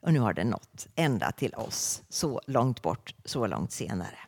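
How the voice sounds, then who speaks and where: Lively woman preaching in a church. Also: extremely low pitch, vocal fry, husky. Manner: expressive, with frequent hesitations. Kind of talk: sermon. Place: church before a congregation.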